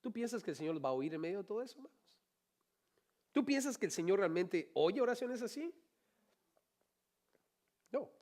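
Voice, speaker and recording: A pastor delivering a lively sermon, his voice sitting a little high for a man. He keeps turning to the congregation with rhetorical questions and mixes in playful, joking asides. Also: normal speed, pauses often.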